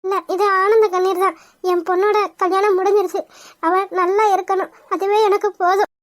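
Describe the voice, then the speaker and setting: A tearful, gentle widowed mother in a cartoon, played by a woman. The voice is extremely high, thin and almost childlike. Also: little pitch movement, fairly quick, dry recording, clean studio sound. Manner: emotional, gentle. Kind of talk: cartoon voice acting.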